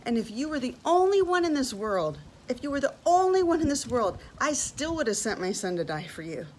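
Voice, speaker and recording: Woman voicing God, hushed and loving, half-whispered, tender, intimate. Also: high-pitched, big pitch swings, a little fast, pitched above the performer's own voice.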